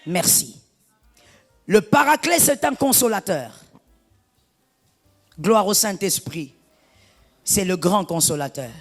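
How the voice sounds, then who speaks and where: A woman pastor delivering an animated sermon, her preaching rising to shouts. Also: lowish voice, slow, long pauses, long reverb tail, faint music behind.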